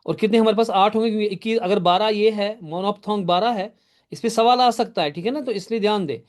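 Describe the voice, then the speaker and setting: High-voiced male teacher explaining phonetics. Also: quick pace. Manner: addresses students by name and answers their typed questions. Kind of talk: live online class lecture.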